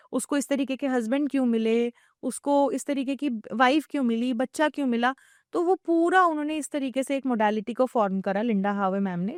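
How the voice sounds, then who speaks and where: A woman's voice: on the high side, darkish tone, no echo, clean studio sound. Fluent woman explaining at length. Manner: explains at length, mixing English phrases into Hindi. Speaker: Akashic record reader, podcast guest. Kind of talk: explanatory podcast talk.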